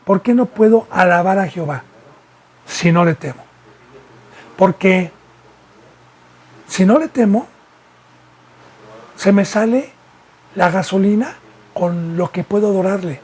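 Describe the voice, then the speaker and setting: Male pastor, husky voice, teaching sermon full of rhetorical questions. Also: high voice, slow, pauses often, a little mellow. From Mexico. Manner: preaching with repeated rhetorical questions.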